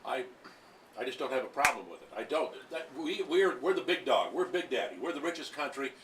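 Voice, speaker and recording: A man's voice: medium pitch, big pitch swings, fairly quick, reverberant, recorded from a distance, noisy background. A man on a radio show firmly arguing his point against the host.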